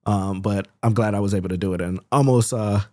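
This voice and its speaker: A young congressional candidate from Florida answers interview questions earnestly, filling gaps with frequent "um" and "uh." His voice is fairly low and dark in tone, and he speaks briskly. The clean studio recording has no room sound.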